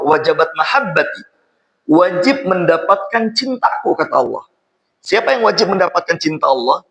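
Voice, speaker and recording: A man's voice: fairly high pitch, creaky, a bit bright, rough recording. A man preaching an informal sermon to a congregation, repeating phrases and often addressing his listeners directly.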